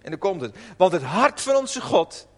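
A man with a high voice preaching an informal sermon, earnest and chatty, with plenty of rhetorical questions. His voice rings with a long hall reverb. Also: sing-song, moderate pace. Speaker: preacher, podcast host.

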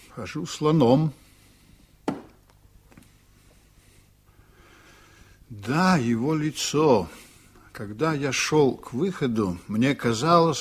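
In a Soviet radio drama, a male actor plays a proud, stubborn, reflective ship's captain, telling his story unhurriedly with dramatic pauses. His mid-range voice is expressive and slightly rough, and the mood is vivid and indignant.

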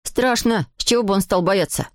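A woman's voice: medium pitch, moderate pace, no room sound, studio quality, lightly acted. A woman reading aloud voices a scrappy schoolboy who argues back. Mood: argumentative. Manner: argumentative.

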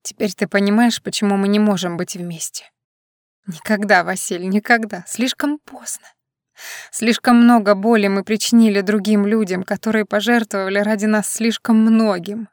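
A woman's voice: mid-range voice, fairly even intonation, normal speed, no room sound, studio quality, close to an everyday voice. A woman reading the lines of a drunk, heartbroken young woman in an audiobook, bitter and accusing, some of them hissed in a whisper. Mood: weary.

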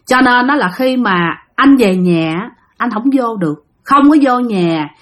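Southern Vietnamese woman, slightly high voice, chatty storyteller who keeps talking straight to her audience. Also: lively intonation, measured pace. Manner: chatty, repetitive, addresses listeners directly. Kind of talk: spoken ghost story telling.

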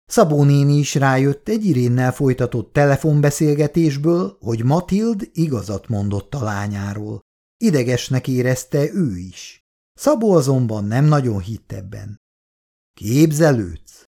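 A man narrating a family story in a calm, lowered reading voice. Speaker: reader.

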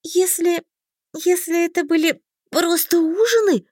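A woman reading an audiobook voices an excitable, timid young heroine who pleads in an emotional way. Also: very high-pitched, a little slow, dry recording, clean studio sound, voice pushed up. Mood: anxious. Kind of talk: audiobook character voice.

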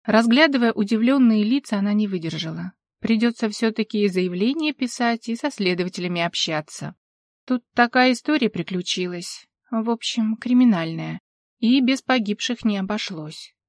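A woman's voice: medium pitch, lively intonation, moderate pace, no echo. Woman narrating an audiobook, dry close sound. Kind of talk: scripted narration.

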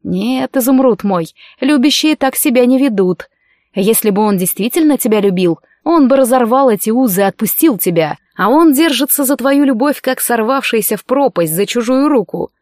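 A woman reading an audiobook, voicing a scheming young male sorcerer who speaks in a soft, coaxing, insinuating way. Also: fairly high pitch, expressive, moderate pace, no room sound, clean studio sound, natural voice.

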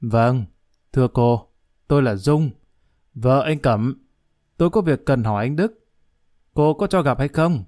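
A man's voice: mid-range voice, expressive, a little slow, long pauses, a little mellow, no room sound, studio quality, natural voice. A man voicing a sly, domineering woman near fifty who talks in a cool, mocking, condescending way.

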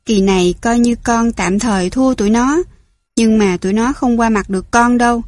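A woman reading a storybook aloud, gentle and clear. Her voice is a little high. The recording is dry and close, with no room around it. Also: normal speed, no echo. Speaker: narrator.

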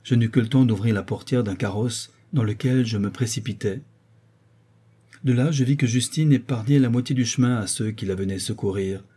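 Man, audiobook narrator, husky, mellow dark tone, measured storytelling. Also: medium pitch. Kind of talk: classic novel reading.

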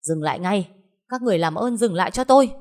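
A woman's voice: low voice, fairly quick, darkish tone. A woman voicing an injured, bedridden man who pleads and blames himself. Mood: pleading. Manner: pleading, self-pitying.

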